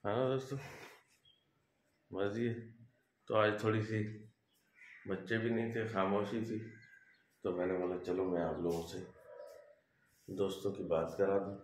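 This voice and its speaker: A man talks slowly and gently in a casual vlog. He coaxes and calls softly to his birds. The room is echoey, with faint noise behind him. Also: fairly low pitch, fairly even intonation. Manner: soft and hushed at the start, coaxing and calling to birds. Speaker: vlogger showing his pet birds.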